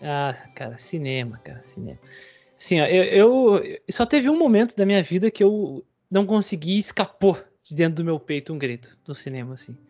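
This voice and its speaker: Measured Brazilian man, dry delivery. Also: a little high, big pitch swings, darkish tone, highs cut off, soft background music. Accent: Brazilian Portuguese. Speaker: podcast co-host. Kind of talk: casual chat.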